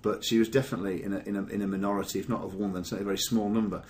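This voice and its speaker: A man's voice: lowish voice, flat delivery, rapid-fire, a little mellow, slight background noise. A man hosting a business podcast in casual chat, rambling with many fillers. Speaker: podcast host.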